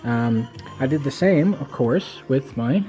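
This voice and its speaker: Toothless man rambling, mellow voice. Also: mid-range voice, lively intonation, slow pace, faint music behind. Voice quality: toothless, slightly slurred speech. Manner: wry, self-deprecating, irreverent. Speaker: home audio reviewer. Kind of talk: casual rambling gear review.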